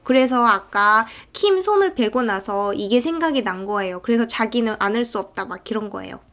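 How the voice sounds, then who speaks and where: A woman with a fairly high voice talks through a film scene by scene in a relaxed, chatty way. She often breaks into acted lines for the characters. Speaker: film recap narrator. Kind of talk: casual movie recap narration.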